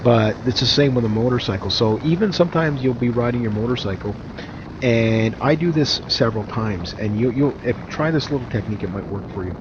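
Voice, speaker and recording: A man's voice: mid-range voice, brisk. A man giving casual, rambling advice to viewers in a hesitant way with repeated words, speaking into a microphone inside a motorcycle helmet. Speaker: motorcycle vlogger. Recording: dull muffled helmet audio, loud engine noise.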